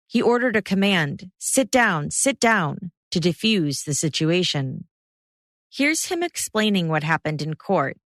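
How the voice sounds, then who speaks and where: Low-voiced woman narrating true crime. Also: dry recording, clean studio sound. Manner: measured, steady recap. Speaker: podcast host.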